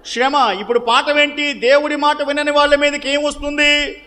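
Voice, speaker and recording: In a large hall with long reverb, a man teaches the Bible through questions and answers, quizzing listeners, answering himself and repeating key phrases for emphasis. His voice is very high, bright and forceful. He keeps a moderate pace with little pitch movement.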